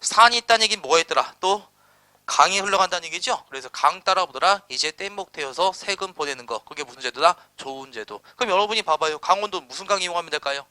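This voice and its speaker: A man giving an exam-prep history lecture, constantly quizzing students with quick rhetorical questions and blunt, slangy asides. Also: high-pitched, lively intonation, pushed and bright, dry recording.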